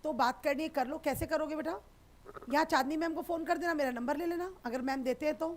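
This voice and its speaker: A woman teaching sociology, chatting with students in a live online class and reassuring them warmly. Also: high voice, brisk. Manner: affectionate, reassuring, calls students beta.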